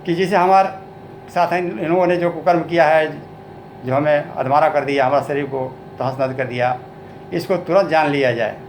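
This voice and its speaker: A man's voice: fairly high pitch, slight background noise. A man with a Bhojpuri accent, a folk singer telling a story in speech and drawing out sung ballad verses between the spoken parts. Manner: slow, drawn-out sung lines between spoken narration.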